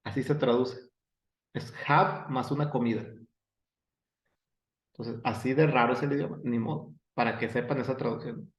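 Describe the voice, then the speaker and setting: A man's voice: medium pitch, steady tone, moderate pace, long pauses. A man with a Mexican accent teaching English grammar, explaining step by step with digressions and self-corrections. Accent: Mexican Spanish. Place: room with a whiteboard. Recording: echoey room, dull lo-fi sound.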